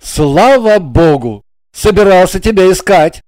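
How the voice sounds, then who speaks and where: A man playing an irritable, hot-tempered young boyfriend in an audiobook drama, talking curtly and shouting curses. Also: sits high, expressive, unhurried, dry recording. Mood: angry, shouting.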